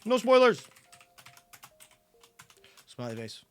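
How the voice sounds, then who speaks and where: A young American woman with a medium-pitched, sing-song voice streams a game at a slow, easy pace. She chats casually and playfully in slang, reacting to the story and to her chat, with game music playing behind her.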